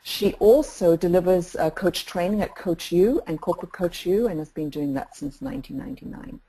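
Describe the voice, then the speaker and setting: A middle-aged woman from England, a coach introducing a webinar, talking in a measured way with frequent fillers and restarts. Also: fairly low pitch, warm tone, breathy edge, low-quality recording. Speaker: executive coach and webinar co-host.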